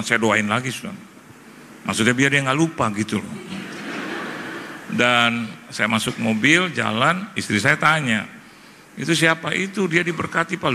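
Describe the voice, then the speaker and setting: A middle-aged male pastor giving a sermon testimony, telling the story in a lively way and acting out both sides of the conversations. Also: mid-range voice, slight background noise. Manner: animated storytelling, acting out dialogue.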